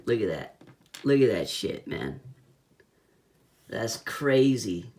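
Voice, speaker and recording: A man's voice: lowish voice, big pitch swings, takes it slowly, darkish tone, a little hiss or hum. A man giving a casual hands-on toy review in laid-back, slangy talk, with a whistle on his s sounds.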